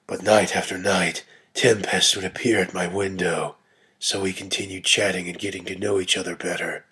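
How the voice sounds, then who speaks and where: Husky, low-voiced man narrating a story. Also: pushed and bright. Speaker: reader of a dramatic reading. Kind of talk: dramatic scripted story narration.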